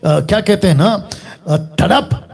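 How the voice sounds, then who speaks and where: A man's voice: sits high, slow pace, creaky, slightly rough. A middle-aged man, preaching an online sermon with emphatic repeated lines and rhetorical questions. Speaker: pastor.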